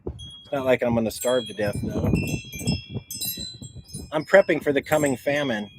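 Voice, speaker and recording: A man walking around outdoors on his property, casually showing things off to a handheld camera in a halting, rambling way that keeps repeating words. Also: mid-range voice. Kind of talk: casual rambling show-and-tell. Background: faint wind noise.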